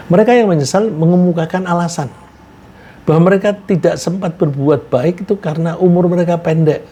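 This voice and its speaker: A man giving a religious lecture, reciting Arabic verses and explaining them in a relaxed, conversational way with anecdotes. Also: fairly high pitch, slight background noise. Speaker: Islamic preacher.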